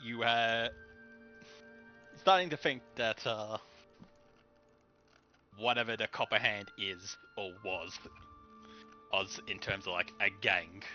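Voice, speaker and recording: A man running a tabletop game as game master, explaining rules in a relaxed way with fillers. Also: on the low side, slow pace, long pauses. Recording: dull lo-fi voice chat with faint music.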